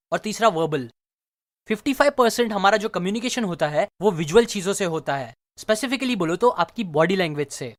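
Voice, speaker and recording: A man narrating a book summary, explaining clearly and speaking directly to the viewer. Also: high voice, dry recording, clean studio sound.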